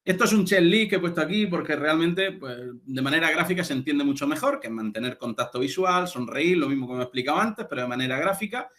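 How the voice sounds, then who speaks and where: Guy teaching a class, kinda high voice, chatty, keeps checking in with the listeners. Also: expressive, fast talker, hardly any pauses, a bit bright. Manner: explanatory, full of fillers and check-ins. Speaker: lecturer. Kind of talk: recorded class lecture.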